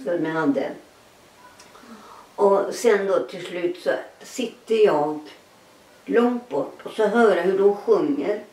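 A middle-aged woman giving a personal testimony in an interview, telling her story with animated, laughing re-enactments of dialogue. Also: medium pitch, long pauses, echoey room, recorded from a distance, low-quality recording.

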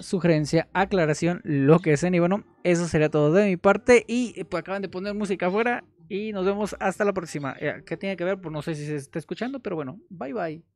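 A man's voice: sits high, a little mellow. A young adult man hosts a casual session, translating a learner-app story line by line. He chats freely, drops jokey asides and fills gaps with short fillers. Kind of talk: casual commentary while translating.

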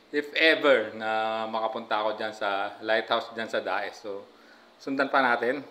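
Unhurried and sharp-toned, a middle-aged man with a lowish voice chats over a clip to his audience as a reaction vlogger. He holds the phone close and tags his lines again and again with "no, guys?"

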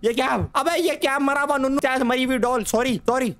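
A man's voice: very high-pitched, fairly quick, a bit bright. A young man giving comic horror game commentary, rambling and jokey, taunting the game's ghosts, repeating words in nervous streams and yelping in fright. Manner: yelps in fright. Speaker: gaming YouTuber.

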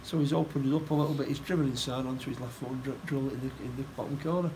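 A middle-aged football manager giving a post-match interview, plain-spoken and halting, often repeating his words. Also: mid-range voice, steady tone, background noise. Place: indoor room by a stadium door.

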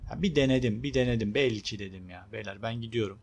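Excitable young man narrating his gameplay. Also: fairly low pitch, quick pace, slight background noise. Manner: chatty, excitable, talks to viewers and the game character. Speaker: gameplay video host. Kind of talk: casual let's-play commentary.

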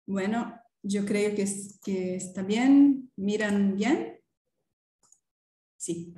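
A woman's voice: medium pitch, drawn-out words, dark tone. A woman in her thirties, a native Portuguese speaker with a Brazilian accent, giving a seminar presentation and hesitantly searching for words. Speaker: academic presenter. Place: indoor room. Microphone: video call. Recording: roomy, echoing video call.

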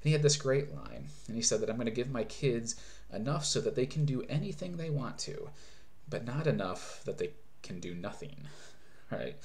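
Very animated and gravelly, with a darkish tone, medium pitch, and a moderate pace, a pastor in his thirties preaches earnestly from a small room at home. He keeps restarting phrases as he explains, captured by a webcam at desk distance.

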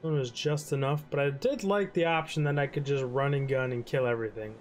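Over soft background music, a young gaming-channel host talks fairly quickly in a mid-range voice. His laid-back let's-play chatter rambles through the credits, punctuated by yawns and sentences that trail away.

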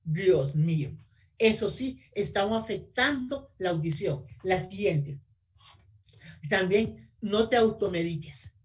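A woman gives a lively webinar talk as a guest audiology technician. She speaks straight to her listeners in a mid-range voice and asks for the next slide as she goes. The mic picks her up from a little way off. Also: medium pitch, slow pace. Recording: voice a bit far from the mic.

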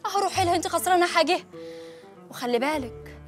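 A woman's voice: very high voice, rapid-fire, faint music behind. An actress with an Egyptian accent playing a practical village woman who soothes and advises her friend. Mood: consoling. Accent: Egyptian Arabic.

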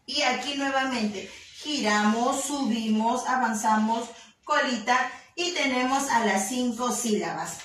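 A woman teaching young children, from Peru, giving slow, patient step-by-step instructions in a classroom. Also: a little high, a bit bright, a little hiss or hum. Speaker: kindergarten teacher. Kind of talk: children's writing lesson. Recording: very echoey room, voice far from mic.

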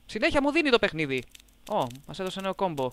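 A man's voice: sits high, sing-song, a bit bright, clean tone. A man giving casual let's-play commentary, joking, talking back to the game and reading its text aloud, with a sore throat and a cough. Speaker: gameplay commentator.

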